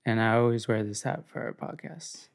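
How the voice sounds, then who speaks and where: A man's voice: mid-range voice, normal speed, creaky. A man co-hosting a podcast in casual chat, joking and rambling in a laid-back way. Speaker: podcast co-host.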